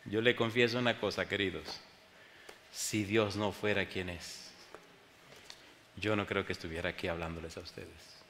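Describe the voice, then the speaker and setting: A man preaching a sermon, telling a story with sudden shouts and hushed asides, speaking to his congregation. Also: low-pitched, fairly even intonation, moderate pace, pauses often. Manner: dramatic, swings from loud cries to hushed tones, addresses congregation. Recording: echoey hall with faint noise.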